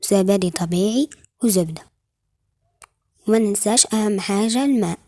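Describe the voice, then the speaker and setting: A woman's voice: medium pitch, a little fast, a little mellow, no echo, clean studio sound, lightly acted. A woman with an Egyptian Arabic accent voicing a busy mother giving her daughters orders in a game role-play. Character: busy, caring mother of two girls.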